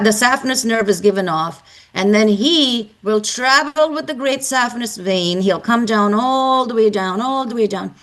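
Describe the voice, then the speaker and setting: A woman giving a live anatomy lecture, brisk and emphatic, quizzing her students as she goes. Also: fairly high pitch, a bit bright.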